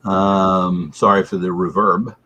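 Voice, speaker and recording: A man on a video call with a heavy reverb echo on his audio, giving a casual, measured beer and cheese review with scores point by point. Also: low-pitched, little pitch movement, sharp tone, dull audio, slight background noise. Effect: reverb-heavy echoey sound. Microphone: video call microphone.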